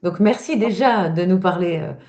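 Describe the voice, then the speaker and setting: A woman with a rather low voice hosts a testimony interview. She talks in an encouraging way, filling her sentences with hesitations. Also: normal speed, darkish tone, lo-fi sound. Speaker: host and trainer.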